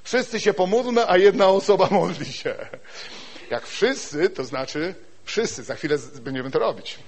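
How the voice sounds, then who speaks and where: A man preaching a sermon in an animated way, often putting rhetorical questions to the congregation. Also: high-pitched, moderate pace.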